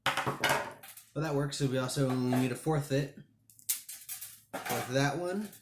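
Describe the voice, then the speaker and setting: A man's voice: mid-range voice, slow. A man hosting a home cooking video, chatting casually and thinking aloud as he works. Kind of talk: casual how-to narration. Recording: echoey room with faint noise.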